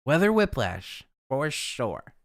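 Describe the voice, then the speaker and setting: A man's voice: mid-range voice, sing-song, slow, no echo, studio quality. A man hosting a casual live weather forecast, chatty and rambling, who laughs at his own jokes.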